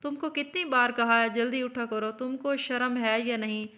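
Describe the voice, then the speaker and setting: A woman's voice: a little high, fairly even intonation, bright, forceful tone. A woman voicing a stern, harsh middle-aged mother-in-law who scolds her daughter-in-law. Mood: scolding.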